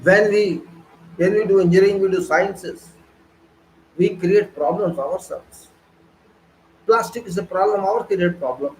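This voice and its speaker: A man's voice: high voice, measured pace, long pauses, a little mellow, echoey room, slight background noise, poor audio. A man giving an online engineering lecture, preaching emphatically with rhetorical questions and repeated phrases.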